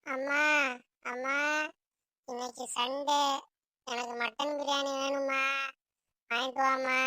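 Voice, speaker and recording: A woman's voice: high-pitched, pushed and bright, no room sound, studio quality. A woman voicing a young boy in a cartoon, whining and repeating his demands over and over. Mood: pleading. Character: whiny young boy begging for meat. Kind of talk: cartoon voice acting.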